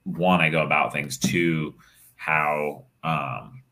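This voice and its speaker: Very deep-voiced rambling man. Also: slow, pushed and bright. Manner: rambling, lots of fillers and restarts. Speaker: podcast co-host. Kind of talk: casual chat.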